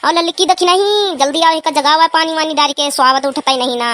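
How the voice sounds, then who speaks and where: A woman's voice: high voice, fairly even intonation, fast talker, fairly bright tone. A woman voicing a grumpy old village woman in a comedy cartoon, scolding and nagging.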